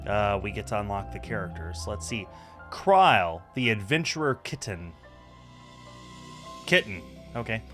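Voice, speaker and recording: A man in his thirties, streaming and hosting from an indoor room with his setup and music playing behind him, gives casual game commentary and reads on-screen text aloud. His lowish voice swings widely in pitch, sounds pushed and bright, and moves unhurriedly with long pauses.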